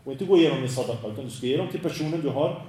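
A man giving a slow, deliberate religious lesson in Swedish, dropping Arabic phrases in as he teaches. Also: medium pitch, dark tone. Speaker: preacher. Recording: very echoey room, voice from a distance.

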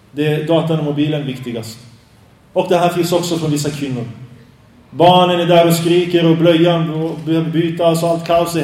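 A man's voice: a little high, a little mellow. A man giving an Islamic lecture, earnest and admonishing, often asking rhetorical questions. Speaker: preacher. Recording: roomy sound, distant mic.

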